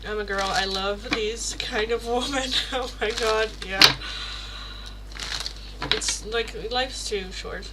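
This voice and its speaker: Heavy background noise surrounds this woman in her thirties, whose fairly high voice moves slowly. She hosts a laid-back tarot livestream, answering viewer questions, cracking self-deprecating jokes, laughing often and cursing casually.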